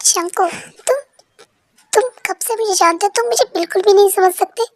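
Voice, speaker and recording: A woman's voice: very high voice, brisk, dry recording. A woman voicing a jealous young man in love. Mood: pleading. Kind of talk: fan dub storytelling.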